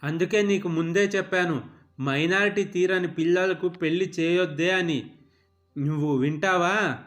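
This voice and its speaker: A man voicing an older father who mocks his wife with slow, wry reproach. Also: sits high, a bit bright, faint music behind.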